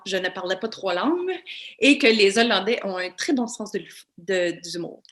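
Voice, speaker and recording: A woman's voice: a little high, a bit bright. A woman, a veteran giving a casual online presentation full of fillers and restarts over a video call. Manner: anecdotal, many fillers and restarts.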